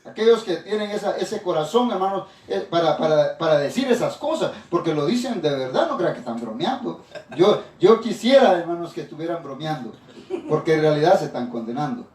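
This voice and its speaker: A man's voice: fairly high pitch, lively intonation, brisk, a little mellow. A man pastor preaching a sermon, often addressing the congregation as brothers and restarting phrases. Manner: preaching with repeated "hermanos", frequent restarts. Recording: echoey room, voice from far off the mic.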